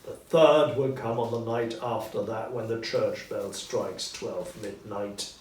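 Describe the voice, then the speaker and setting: A man acts out the solemn ghost of a dead businessman from a storybook, declaiming slowly and emphatically in a lowish, fairly even voice full of anguish and regret as a solemn warning. He sounds some distance from the mic in a roomy echo, with slight background noise.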